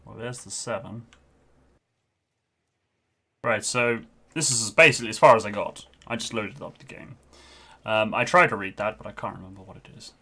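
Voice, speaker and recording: A man's voice: lowish voice, normal speed, long pauses, sharp tone, slightly rough. A man doing casual live-stream game commentary into a headset, out of breath and chatty, with frequent ums.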